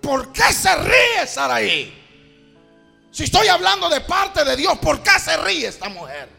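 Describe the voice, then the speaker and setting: A preacher acting out a stern angel who shouts his accusation at an old woman who laughed. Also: very high-pitched, expressive, moderate pace, vocal fry, slightly rough, exaggerated voice. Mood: indignant. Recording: reverberant hall, faint music.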